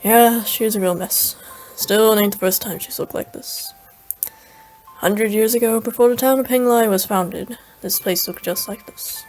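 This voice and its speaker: A woman's voice: a little high, steady tone, moderate pace, a little mellow, faint music behind, lightly acted, low-quality recording. A woman voicing a jovial old male dragon with a drawling rustic old man voice and a folksy, grandfatherly manner, in a voiced reading of a game story. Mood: storytelling.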